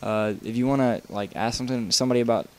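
A young man who makes video game tutorials talks casually over his gameplay while showing how to build a track. His voice is medium-pitched and steady, and he speaks quickly, rambling with lots of fillers and restarts.

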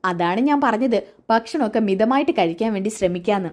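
A woman voicing a calm woman doctor who speaks slowly and reassures a patient. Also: medium pitch, lightly acted. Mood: reassuring. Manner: slow and measured.

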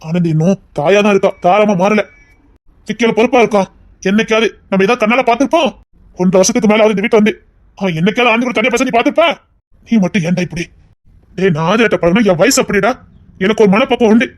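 A man's voice: high voice, fast talker, lightly acted. A man with a Tirunelveli accent playing a stern elder brother who lectures his younger brother firmly in a family drama. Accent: Tirunelveli Tamil. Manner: firm, lecturing.

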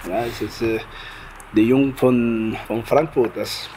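Halting man searching for words. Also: mid-range voice, steady tone, dark tone, a little hiss or hum. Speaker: jury member, former footballer. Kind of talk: casual panel talk. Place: large indoor football hall. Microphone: handheld mic.

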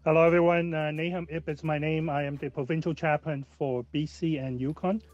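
A man chaplain from Hong Kong giving an earnest, halting greeting on a video call. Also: fairly high pitch, fairly even intonation, darkish tone, dry recording, faint music behind. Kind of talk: brief greeting. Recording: dull, dry video call audio.

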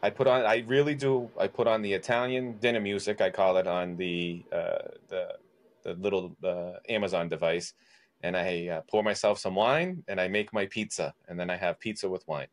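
A man's voice: deep voice, fairly even intonation, normal speed. A man hosting a podcast, chatting casually and often restarting his sentences with small stammers. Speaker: podcast host.

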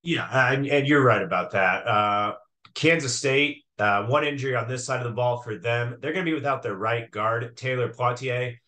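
Bright-voiced man talking college football. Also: mid-range voice, moderate pace. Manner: conversational, hesitant with fillers and restarts. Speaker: sports podcast co-host. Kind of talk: casual sports talk.

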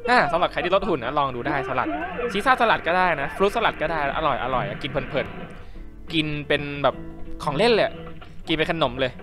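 A man's voice: a little high, big pitch swings, brisk. A young man giving playful, chatty commentary while playing a life-simulation game, talking to his viewers. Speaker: game streamer. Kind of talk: casual gameplay commentary. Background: faint game music.

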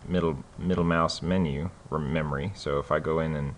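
A man with a very deep voice hosts a casual screen-recorded tutorial, sounding relaxed. His delivery is loose and halting, full of fillers and restarts, with a light hiss in the background.

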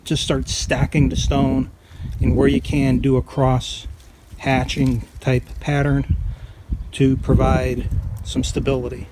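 Slow and mid-range, with little movement in pitch, a farm vlogger's voice explains a how-to in a casual, folksy, plain-spoken manner. It's recorded outdoors on his farm with a handheld camera, and outdoor noise comes through behind him.

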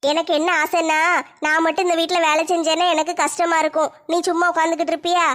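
A gentle, reassuring elder sister-in-law, voiced by a woman in a comedy family skit. Her voice is very high and the talk moves quickly. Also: little pitch movement. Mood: affectionate. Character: patient elder sister-in-law, kind homemaker.

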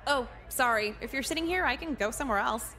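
An actress voicing an apathetic, sarcastic teenage girl in a video game, deadpan and crude. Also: high voice, fast.

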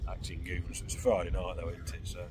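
A man's voice: sits low, monotone, brisk, music in the background. A man, chatting rambly to camera while fishing outdoors at night, with lots of fillers and restarts. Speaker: fishing vlogger. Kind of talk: casual chat to camera. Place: outdoors on a windy seafront at night. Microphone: handheld camera close up. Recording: loud wind and traffic noise. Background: wind, cars revving.

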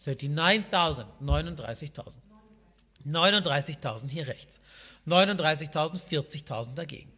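With lively intonation at a normal speed, a thirty-something auctioneer calls out bids in a pushed, bright voice on the high side. He switches between German and English at the rostrum of an indoor saleroom, recorded with reverberant hall sound.

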